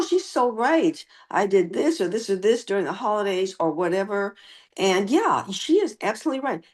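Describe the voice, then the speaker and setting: A woman who is a regular on the show, talking enthusiastically and at length over a video call. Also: on the low side. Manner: enthusiastic, talkative. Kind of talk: casual podcast chat.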